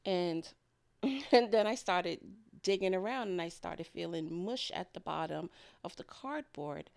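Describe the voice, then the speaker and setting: Her voice is fairly low, creaky, and darkish, yet expressive and unhurried as she narrates her homemade food vlog. This home food and garden vlogger rambles casually through a kitchen process, often with a light chuckle.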